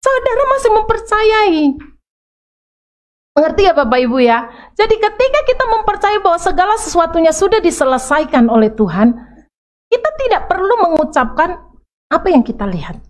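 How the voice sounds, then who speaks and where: A middle-aged woman preaching a sermon in a church, animated and acting out the voices she quotes. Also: very high-pitched, normal speed.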